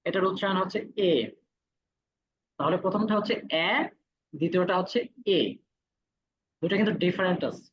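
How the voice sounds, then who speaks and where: A man's voice: high-pitched, fairly even intonation, slightly rough. Patient male teacher, muffled lo-fi audio. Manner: patient, repeats each vowel sound slowly. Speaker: Korean language teacher. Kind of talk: classroom lesson.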